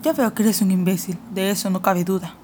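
A woman's voice: mid-range voice, fairly even intonation, brisk, a little mellow, natural voice. A woman voicing an imperious queen who questions sharply and impatiently, in an audiobook reading with a faint hiss behind. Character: cold imperious queen, commanding and suspicious.

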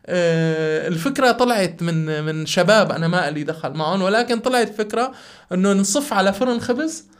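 A man with a Syrian Arabic accent telling a personal story in conversation, halting and repeating the starts of his words. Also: high-pitched, animated. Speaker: podcast guest.

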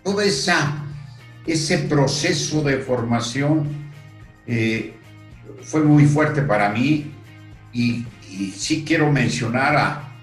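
An older man with a Mexican accent, a guest telling his story earnestly, pausing often. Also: medium pitch. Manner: slow, earnest, with pauses and fillers. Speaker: guest, retired referee. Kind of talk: reflective storytelling in conversation. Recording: roomy echo with faint music.

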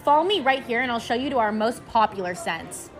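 A woman playing an upbeat store clerk giving a sales pitch in a comedy sketch. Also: lively intonation, brisk, natural voice. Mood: chirpy. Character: chirpy woman store clerk selling candles.

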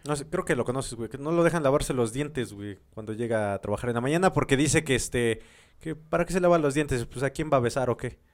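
A man's voice: medium pitch, fast. A man with a Mexican accent chatting casually and joking in slangy speech. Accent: Mexican Spanish. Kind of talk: casual chat.

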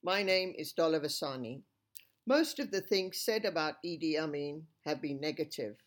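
A podcast host reading a scripted introduction in a measured, even delivery. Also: mid-range voice. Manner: measured, read-aloud delivery. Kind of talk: scripted narration.

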